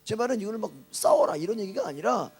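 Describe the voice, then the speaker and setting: Male pastor, high and husky, early-morning sermon, keeps prompting listeners with rhetorical questions. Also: wildly swooping pitch, quick pace, a little mellow. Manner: asks the congregation rhetorical questions.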